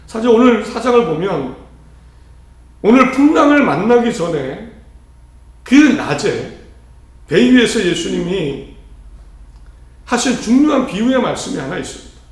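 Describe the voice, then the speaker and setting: A male pastor delivering an earnest sermon, asking rhetorical questions and shifting his emphasis often. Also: high-pitched. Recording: heavy church reverb.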